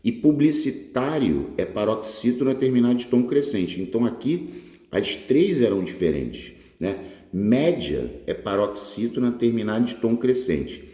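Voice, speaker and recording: Lively Brazilian man explaining test answers. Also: medium pitch, unhurried. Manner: lively and informal, stretches words out, asks short check questions. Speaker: exam prep teacher. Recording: echoey room, long reverb.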